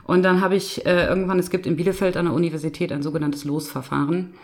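Female guest author, 30s, from Germany; lively, self-deprecating anecdotes in a home living room. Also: on the low side, fast talker. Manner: animated, self-deprecating storyteller who laughs while talking. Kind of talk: casual interview storytelling.

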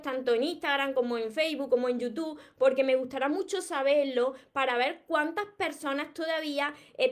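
A woman from Córdoba with an Andalusian accent, giving an earnest motivational talk to viewers on a live stream. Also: sits high. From Córdoba, Andalusia, Spain. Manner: earnest, repetitive, addresses viewers directly. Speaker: self-help live streamer.

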